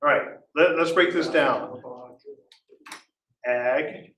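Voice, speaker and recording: A man's voice: fairly high pitch, measured pace, fairly bright tone. Chatty man presenting in an echoey hall. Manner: chatty, quizzes the audience, laughs at himself. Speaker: conference speaker. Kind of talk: casual conference talk with audience banter. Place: conference room. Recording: echoey hall, voice heard from a distance at times.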